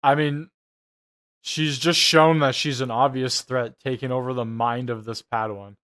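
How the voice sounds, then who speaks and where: A man's voice: mid-range voice, fairly even intonation, normal speed, fairly bright tone. A man giving a casual, mocking reaction commentary, profane and incredulous in his delivery. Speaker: reaction show host.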